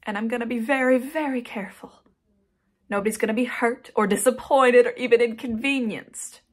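A woman's voice: on the high side, normal speed, lightly acted. A young woman playing a headstrong daughter in an emotional, insistent dramatic monologue addressed to her mother. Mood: reassuring. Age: young adult. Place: small indoor room, plain wall.

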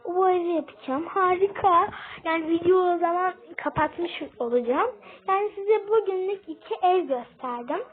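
Excitable girl, very high tinny voice. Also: normal speed. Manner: excitable, chatty, addresses viewers as friends. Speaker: gaming video host. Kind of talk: casual gameplay vlog. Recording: tinny phone-like sound.

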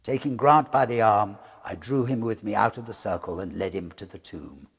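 In a husky, gravelly voice on the low side, a middle-aged man narrates a gothic ghost story. The performance is theatrical, measured and suspenseful.

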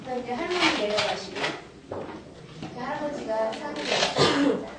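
A woman teacher trainer giving a storytelling workshop, animated and often laughing, mixing English words into her talk. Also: fairly high pitch, normal speed, recorded from a distance. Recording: echoey room, recorded from afar, noisy.

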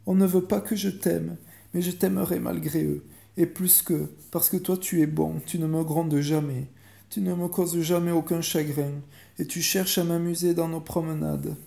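A man voicing a timid, tender-hearted little girl with a soft, pleading voice, in a bedtime story reading. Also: high-pitched, measured pace, voice pushed up. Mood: tearful, tender.

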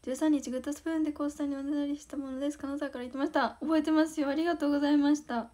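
On her livestream, an Osaka teenager speaks in a high, warm voice at a racing pace with a steady tone. She's a bashful, giggly idol host with a Kansai accent, reading out fan comments and thanking viewers.

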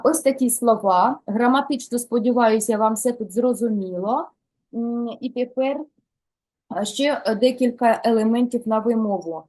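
A woman teaching a French lesson who explains song lyrics and slowly models pronunciation for the learners to repeat. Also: a little high, darkish tone.

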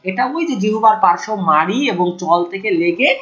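A man from Bangladesh teaching Quran pronunciation in an online tajweed lesson, who patiently repeats sounds slowly and keeps saying "okay". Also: sits high, pushed and bright, lo-fi sound.

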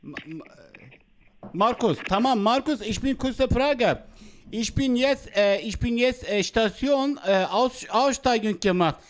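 A man's voice: very high voice, animated, unhurried. A man voicing a flustered lost immigrant traveller in broken, stammering German with a Turkish accent, for a comic prank call. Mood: confused, insistent. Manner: broken grammar, stammering, repeats himself. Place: small studio room, indoors. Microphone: close studio microphone.

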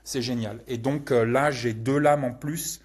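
A man's voice: mid-range voice, steady tone, measured pace. A man hosting a casual live question-and-answer session, rambling with many hesitations and crude slang. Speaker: channel host answering viewer questions.

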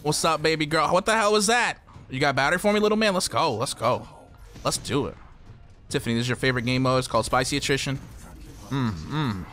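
A young man giving excitable live commentary while streaming a shooter game, swearing casually and talking to his chat and teammates. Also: medium pitch, fast talker, faint music behind. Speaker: gaming streamer.

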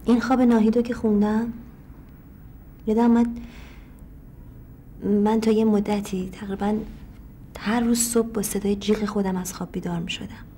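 An actress playing a reflective woman writer in a televised stage drama, speaking in a calm, musing manner. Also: medium pitch, long pauses, slight background noise, close to an everyday voice. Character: reflective woman writer recalling her own dreams.

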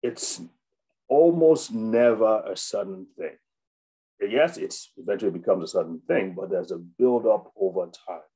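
A man's voice: on the low side, expressive, measured pace, warm tone, breathy edge, poor audio. A man, a doctor, giving an unscripted health webinar, with many fillers and restarts. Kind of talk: informal health talk.

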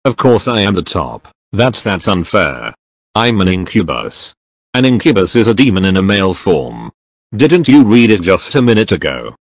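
A man's voice: low voice, sing-song, normal speed, no echo, heavily acted. A man voicing a brash, hot-tempered young man who talks bluntly, in a fan comic reading. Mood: cocky.

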